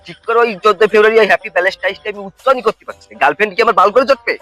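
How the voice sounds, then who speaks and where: A man's voice: high voice, rapid-fire, pushed and bright, soft background music. A young man with a Bengali accent who rambles through a comic monologue, fumbling his words and slipping into sing-song lines and mock wailing. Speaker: comedy vlogger.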